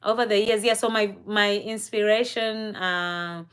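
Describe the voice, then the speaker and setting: Her voice is medium-pitched, smooth and steady as this young woman from East Africa shares a personal story on a live stream. She takes her time, reflects, and fills pauses with frequent fillers and gentle laughter.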